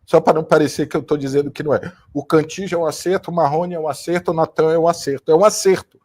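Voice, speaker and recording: This Brazilian commentator and channel host talks fast in a high voice with a steady, darkish tone, ranting after a football match. He is emphatic and blunt, repeats lines, and swears mildly, recording in a home room with a fan running while a new studio is set up.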